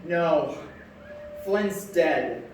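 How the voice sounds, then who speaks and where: An earnest young cabin boy, played by a man on stage, speaks in a raised voice, very slowly and carefully. The voice comes from far off in a very echoey hall. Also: on the high side, expressive. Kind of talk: live stage play. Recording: echoey hall from far off, faint background noise.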